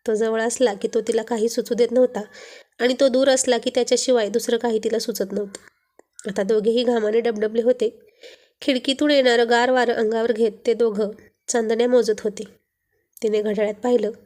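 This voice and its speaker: A woman reads a romance story aloud in a soft, expressive way. Her voice sits fairly high, and the reading is calm and scripted. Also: normal speed.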